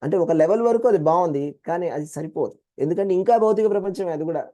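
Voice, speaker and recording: Animated, mellow-voiced Telugu man teaching. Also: high voice, racing. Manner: animated, acts out quoted voices. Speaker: Gita teacher. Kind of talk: devotional class explanation.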